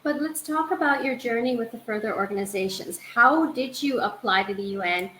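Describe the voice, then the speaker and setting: A woman's voice: a little high, fairly quick, a bit bright. A woman hosting an interview, asking long, enthusiastic, framing questions. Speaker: interview host. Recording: echoey room with faint noise.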